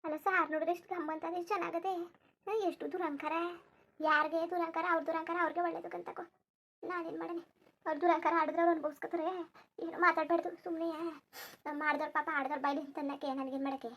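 A put-upon young village daughter-in-law, voiced by a woman for a family cartoon, rambling through her grievances. Her voice sits high and her pace is quick, and she. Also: flat delivery, a bit bright. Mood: muttering. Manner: complaining, rambling grievance monologue. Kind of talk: cartoon voice acting.

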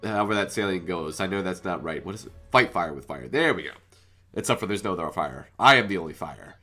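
Pushed and bright, his low voice moving a little fast with lively intonation, a gaming channel host talks chattily through his own game, thinking aloud. He sounds cold-stuffed and congested, and a faint music bed runs beneath.

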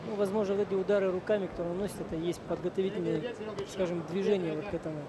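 A man with a high voice gives live fight commentary. He explains the action analytically while a very loud arena crowd sounds behind him. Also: steady tone, racing. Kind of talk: live MMA play-by-play commentary.

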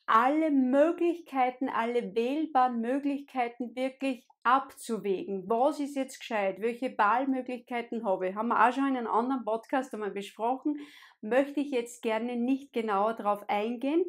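Female podcast coach, talks the listener through each step, voice sits a bit high. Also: normal speed. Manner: explains step by step, speaks directly to the listener. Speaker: podcast host and life coach. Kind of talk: solo coaching podcast talk.

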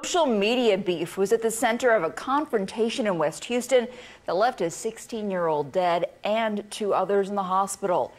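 A woman's voice: medium pitch, animated, normal speed. A woman reading scripted news as a studio anchor.

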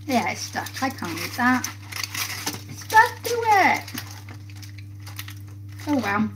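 A woman talks slowly and easily to her live viewers as she cooks at home. Her voice sits a little high, picked up by a phone on the counter. Clear sizzling and kitchen clatter run behind her. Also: huge pitch swings, background noise. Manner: chatty, talks to viewers while busy at the stove. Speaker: cooking livestream host. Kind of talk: casual live chat while cooking. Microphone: phone camera close by on the counter.

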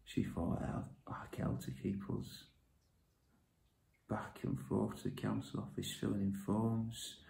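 An actor playing a withdrawn man raised by his grandmother, talking in a halting, confiding way that often drops to a whisper. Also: lowish voice, little pitch movement, creaky, mellow, heavily acted. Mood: confessional. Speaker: actor performing a monologue. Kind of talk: dramatic monologue. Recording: echoey room.

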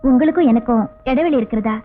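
An actress playing a lovesick younger sister who pleads sweetly. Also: female voice, on the high side, fast talker, lightly acted. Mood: pleading. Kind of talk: 1980s Tamil film dialogue. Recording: tinny old film soundtrack with faint music.

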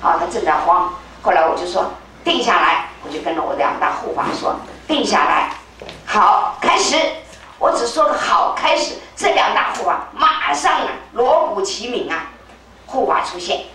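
An older woman telling a religious testimony as a spiritual leader, animated, acting out voices with sudden high leaps. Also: moderate pace. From Taiwan. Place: temple hall. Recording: very echoey hall, distant mic, faint hiss.

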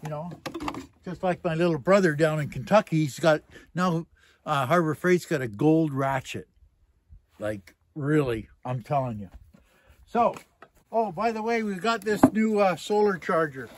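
A man's voice: a little high, measured pace, slight background noise. A Canadian man vlogging in a rambling, joking way, casually swearing as he talks through a project. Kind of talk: casual chat.

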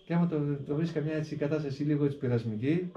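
A man, a hermit monk, explaining a prayer in an interview in a deliberate way, often repeating a filler word and slowly reciting the prayer with shifting stress. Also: a little high, warm tone. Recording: echoey, dull recording with faint background noise.

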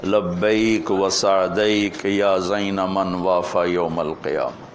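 A man voicing a dead female lizard that speaks devoutly, reciting slowly and solemnly. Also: low voice, fairly even intonation, a little hiss or hum, voice pushed down, lightly acted. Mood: reverent.

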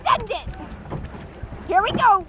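Loud wind, water and rowing clicks surround a young woman coxswain in a boat. She shouts short, repetitive commands at a very high pitch. Her calls are urgent and motivational, with drawn-out, measured spacing. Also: big pitch swings. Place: outdoors in a boat on open water.

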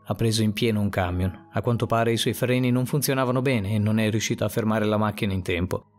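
A man voicing a calm police officer who gently coaxes a frightened child, in a told story. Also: fairly low pitch, fast talker, faint music behind, close to an everyday voice. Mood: reassuring.

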